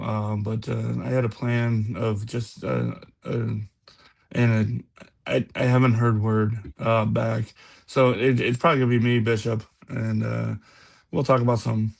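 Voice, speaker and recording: A man's voice: mid-range voice, steady tone, a little slow, creaky. A man co-hosting a casual chat, easygoing and hesitant with fillers.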